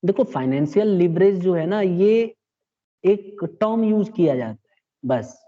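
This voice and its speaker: A man's voice: sits high, expressive, measured pace. A man teaching a classroom lecture, explaining step by step and checking in with his students. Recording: dull lo-fi classroom recording.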